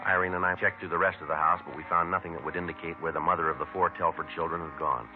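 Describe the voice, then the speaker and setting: In a 1950s radio crime drama, a man plays a terse police detective who also narrates, laying out the facts in a very low, clipped, matter-of-fact voice and moving briskly through the case. His tone is steady and the acting light, with music in the background. The tinny vintage broadcast makes him sound thin and phone-like.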